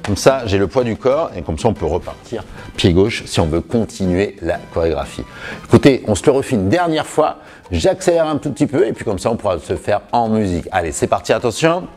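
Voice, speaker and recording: A man's voice: on the low side, brisk, faint music behind. A man teaching a salsa routine at home, counting the steps aloud and encouraging viewers. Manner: lively, encouraging, counts beats with sung emphasis.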